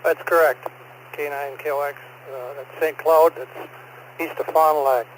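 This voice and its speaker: A man with a fairly high voice speaks tersely, as if checking in on a radio net. His transmission is crackly two-way radio, with clicks and faint noise. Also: steady tone, normal speed. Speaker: amateur radio operator checking in.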